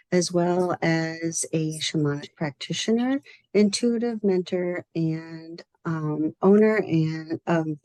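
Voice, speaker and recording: Slow, mellow-voiced woman guest. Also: on the low side, no room sound. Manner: slow, relaxed, light laughs. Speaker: guest, Reiki teacher. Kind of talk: casual self-introduction. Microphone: video call.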